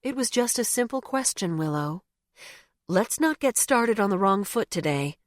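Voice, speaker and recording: A woman voicing a calm female therapist who asks measured, gently probing questions. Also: mid-range voice, no echo, studio quality, voice pushed up, natural voice.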